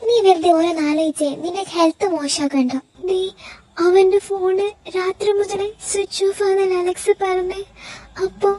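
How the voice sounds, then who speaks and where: A woman's voice: very high-pitched, warm tone, rough recording. A woman voicing an anxious, tearful young woman in an amateur audio drama, pleading and emotional.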